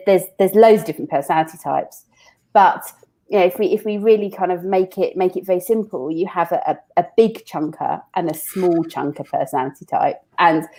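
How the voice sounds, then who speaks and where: Fairly low in pitch and a little mellow, this woman's voice belongs to a recruitment founder being interviewed on a podcast. She talks casually, explains things through everyday examples, and frequently starts her sentences over.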